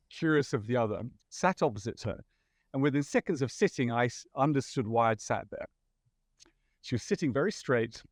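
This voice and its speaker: A man's voice: mid-range voice, no echo, studio quality. British man telling a rambling anecdote. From Britain. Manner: rambling anecdotal, self-deprecating, frequent restarts. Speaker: podcast guest, photographer. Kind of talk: conversational storytelling.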